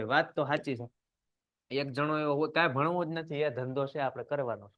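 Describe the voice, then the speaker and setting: A young man, teaching a poem in a live online class. He switches between loud emphasis and low asides and talks to viewers in the chat. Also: highs cut off. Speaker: English teacher.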